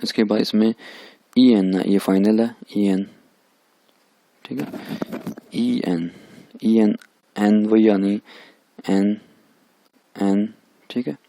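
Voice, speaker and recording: एक पुरुष शिक्षक, पाकिस्तानी उर्दू लहजे में, जो शब्दों की ध्वनियाँ बार-बार दोहराकर धैर्य से अभ्यास करवाते हैं।. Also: male voice, lowish voice, steady tone, slow pace, long pauses, mellow, no echo. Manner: repeats each sound many times, patient and drilling. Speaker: language teacher. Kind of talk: recorded language lecture over slides.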